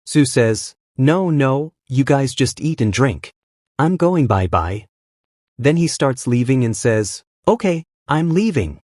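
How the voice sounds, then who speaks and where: A man's voice: medium pitch, big pitch swings, slow, darkish tone, no room sound, clean studio sound. A man narrating a manhwa recap, reading every character's lines in his own voice.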